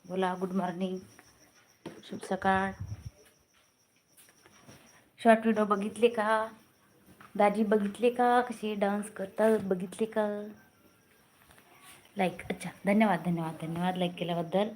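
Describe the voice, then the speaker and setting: A woman's voice: medium pitch, fairly even intonation, a little slow, pauses often, a little mellow. Woman, live-stream host; chatty and coaxing, many thank-yous; phone mic, faint noise. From Maharashtra, India. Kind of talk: casual live-stream chat.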